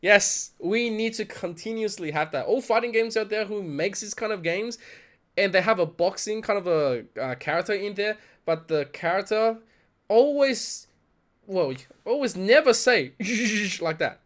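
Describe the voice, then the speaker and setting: A man hosting a casual video-game trailer reaction, talking excitedly, laughing often and imitating lines he hears. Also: high voice, normal speed. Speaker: gaming video host.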